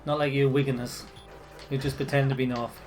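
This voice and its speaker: A man's voice: mid-range voice, level tone, fairly quick, a little mellow, faint music behind. A man with a Northeast English Sunderland accent, chatting casually while streaming retro games, full of "like" fillers. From Northeast England. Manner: chatty, nostalgic, frequent "like" fillers.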